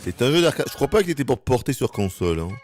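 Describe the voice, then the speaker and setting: A man commenting on a game during a live stream, exasperated and ranting, with swearing along the way. His pitch leaps all over, dropping low then shooting into shrill cries. Faint music plays underneath. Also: very animated, quick pace, a little mellow.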